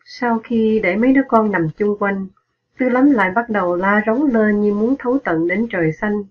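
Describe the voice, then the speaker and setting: A woman reads a story aloud in a steady, measured way. Her voice sits at a middle pitch. The recording sounds dull and lo-fi. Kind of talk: scripted story narration.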